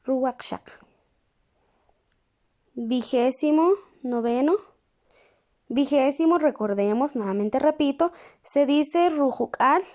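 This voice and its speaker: A woman teaches with a high, mellow voice and an unhurried pace. She repeats each word carefully and keeps stopping to check that her students are following. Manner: patient, repeats each word slowly for copying; checks in with the class through questions. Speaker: language teacher. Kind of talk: slow classroom lesson, writing while explaining.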